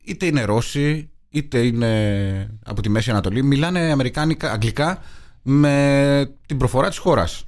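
A man's voice: medium pitch, a little mellow. A man co-hosting a podcast, chuckling and adding quips in casual film chat. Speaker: podcast co-host.

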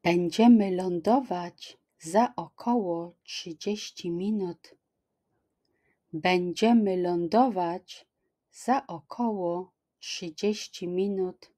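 A middle-aged woman teaching language, repeating each phrase slowly and clearly, at home on a webcam. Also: lowish voice, warm tone. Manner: slow, careful, clearly articulated repetition. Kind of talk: extra slow language lesson, repeating phrases.

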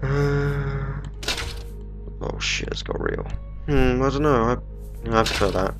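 A young man with a cold speaks slowly at a medium pitch while chatting through a let's play, with the odd swear word. He records on a desktop microphone, and game music plays beneath his voice.

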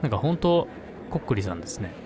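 A man's voice: lowish voice, big pitch swings, fast, background noise. Chatty man doing game commentary. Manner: chatty, laughing asides. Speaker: let's play host. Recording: game music in background.

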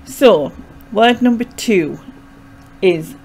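Speaking extremely slowly and expressively, this young vlogger has a medium-pitched, darkish voice and a Sunderland Mackem accent from North East England. She rambles hesitantly and casually while explaining things. A close desk mic with a pop filter in her small bedroom picks up a little hiss or hum.

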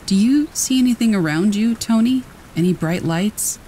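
A man's voice: high voice, moderate pace, warm tone, slight background noise, pitched above the performer's own voice, lightly acted. A man voicing an anxious doctor who asks a dying patient wary, urgent questions.

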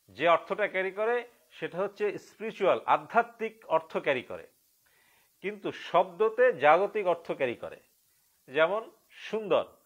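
A high-pitched Bangladeshi man teaches meditation in a spiritual lecture streamed live, with the recording's highs cut off. He proceeds slowly and deliberately, drawing out key words and asking the audience questions.

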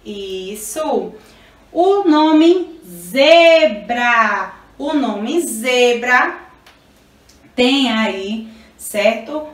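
Brazilian woman teacher with a high voice, for a kids' phonics lesson, recorded from afar in a roomy space. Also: a bit bright. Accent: Brazilian Portuguese. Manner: slow, drawn-out syllables with affectionate praise. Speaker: preschool teacher. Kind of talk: remote phonics lesson for young children. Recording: echoey room from far off.

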